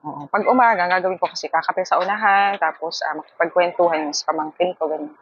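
Chatty laughing woman vlogger, husky voice. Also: fast talker, no room sound, lo-fi sound. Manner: chatty and laughing, high squeals. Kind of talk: casual vlog chat. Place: outdoors by a hammock. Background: wind.

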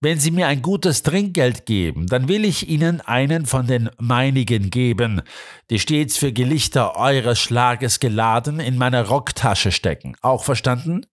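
A man voicing a calm, mildly mocking male doctor, the detective's friend. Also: medium pitch, measured pace, lightly acted.

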